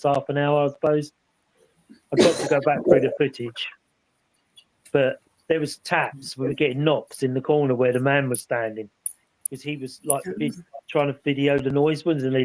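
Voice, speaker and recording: A man's voice: medium pitch, little pitch movement, moderate pace, darkish tone, rough recording. A man on a paranormal panel, rambling through an investigation story in casual chat with many restarts and asides.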